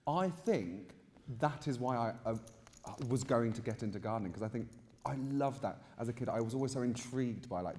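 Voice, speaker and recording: A young British man in his mid twenties chats as a guest at a live event. His manner is campy and gushing, full of casual personal storytelling. His medium-pitched voice rings with the reverb of a hall. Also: a little mellow, a little hiss or hum. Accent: British English. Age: mid 20s. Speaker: interviewed guest, drag queen gardener.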